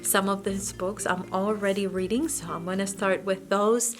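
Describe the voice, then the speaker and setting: A woman whose first language is not English, chatting casually as a book vlogger, talking in a friendly, slightly halting way and pausing to search for words. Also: mid-range voice, flat delivery. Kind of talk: casual chat about books.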